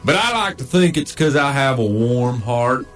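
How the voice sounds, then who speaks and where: A man voicing a laid-back male cowboy hound dog with a slow, folksy drawl. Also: mid-range voice, animated, soft background music, pitched below the performer's own voice, lightly acted. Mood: easygoing. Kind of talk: comic voice acting.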